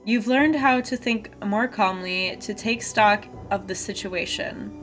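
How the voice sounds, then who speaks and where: A woman's voice: mid-range voice, unhurried, fairly bright tone, lightly acted. A woman voicing an upbeat, encouraging little monster companion from an anime game, reading its lines aloud. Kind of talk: reading visual novel dialogue aloud. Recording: game music behind the voice.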